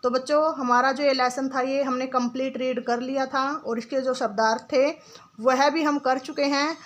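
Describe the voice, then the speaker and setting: A woman's voice: sits high, fairly even intonation, moderate pace, low-quality recording. A woman teaching young children in a lesson, asking questions and answering them herself in her words. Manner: asks questions then answers them herself, says "ठीक है" and "बेटा" often.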